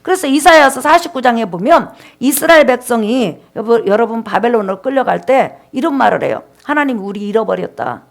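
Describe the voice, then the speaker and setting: A woman's voice: on the high side, expressive, fairly quick, vocal fry, hardly any pauses. A woman pastor preaching a sermon, speaking directly to the congregation and retelling people's words as she leads them in call-and-response. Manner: storytelling, reenacting people's words.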